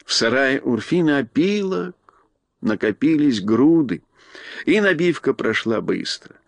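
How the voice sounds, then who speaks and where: A man reading a children's storybook aloud in expressive scripted narration. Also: mid-range voice, measured pace, vocal fry, dry recording. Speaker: audiobook narrator.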